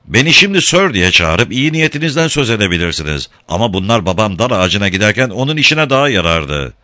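A man's voice: on the low side, very animated, quick pace, pushed and bright, no echo, clean studio sound. A man voicing a young male sea captain who speaks in a hard, resolute way in an audiobook. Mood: stern. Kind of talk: audiobook character voice.

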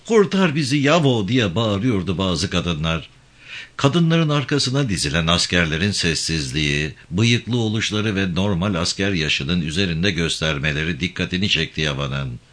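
A man reading a literary novel aloud in a measured, dramatic way. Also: low-pitched. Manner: measured, dramatic reading with lively rises and falls. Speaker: audiobook reader.

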